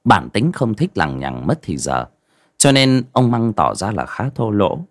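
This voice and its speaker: A man's voice: on the low side, very animated, unhurried. A man narrating a folk story with a dramatic, varied delivery.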